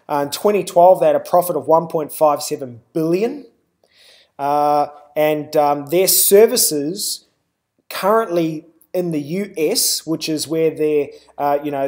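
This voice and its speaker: A man with a New Zealand accent presents a live webinar. His voice sits a little high for a man. He talks in a loose way, filling gaps with "uh" and "you know". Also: a little mellow.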